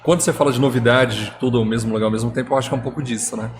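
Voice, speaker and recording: A middle-aged man co-hosting a podcast, chatting casually and making animated, jokey remarks. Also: medium pitch, racing, slight background noise. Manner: animated, jokey, emphatic outbursts. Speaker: podcast co-host. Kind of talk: casual chat.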